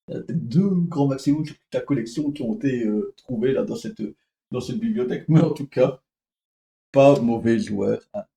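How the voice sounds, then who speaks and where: A man's voice: medium pitch, gravelly, warm tone, roomy sound, low-quality recording. A man casually telling a story for his vlog, rambling with many fillers and restarts. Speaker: comics vlogger.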